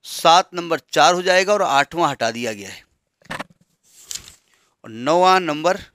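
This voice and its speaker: A man's voice: on the high side, lively intonation, measured pace, fairly bright tone, a little hiss or hum. A man teaching a maths lesson, counting steadily through question numbers and checking that his students follow. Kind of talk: classroom lesson explaining textbook changes.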